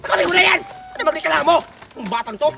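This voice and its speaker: A woman playing a bossy, scolding older woman who hands out gifts, in a shouty comedy-skit style. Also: high voice, expressive, quick pace, vocal fry, soft background music, exaggerated voice.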